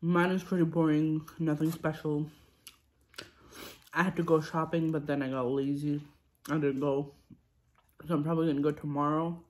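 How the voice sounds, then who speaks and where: A woman's voice: sits low, level tone, moderate pace. Chatty young woman eating on camera. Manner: chatty and rambling, with many ums and restarts; talks between bites, chewing and sipping. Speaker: vlogger. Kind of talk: casual mukbang chat while eating.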